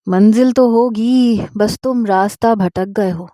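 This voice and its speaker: A woman's voice: medium pitch, dry recording, studio quality, close to an everyday voice. A woman voicing a kind old imam. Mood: coaxing. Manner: slow, soothing, gently persuasive. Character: kind old male mosque imam, patient and fatherly.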